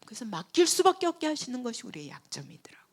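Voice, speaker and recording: Woman pastor preaching, loud then whispering. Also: fairly high pitch, huge pitch swings, racing. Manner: swings from loud emphatic preaching to hushed whispers. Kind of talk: sermon.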